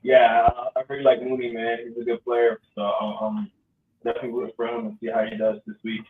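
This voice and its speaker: A man's voice: medium pitch, monotone, fast. A man hosting casual sports talk, rambling with lots of ums. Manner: loose, rambling, many ums. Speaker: podcast host. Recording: echoey, distant, phone-like audio.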